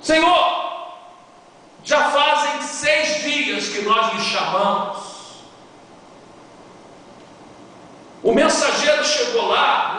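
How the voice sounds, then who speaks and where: A man's voice: fairly high pitch, slight background noise. A man voicing a grieving woman who accuses her lord of coming too late, in a pleading voice. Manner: pleading, reproachful, rising. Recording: echoey church hall, distant mic.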